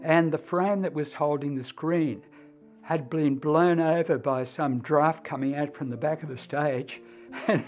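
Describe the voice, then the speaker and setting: A man's voice: on the high side, steady tone, measured pace, darkish tone, soft background music. Man recalling events, dull audio. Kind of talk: casual reminiscing.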